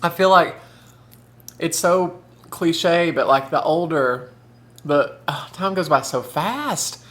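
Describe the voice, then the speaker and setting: His voice sits on the high side, expressive and a bit bright, and he takes a slow pace. The man, in his thirties, is a chatty, camp mukbang vlogger who eats while casually talking, says "y'all" and "honey," and often has his mouth full.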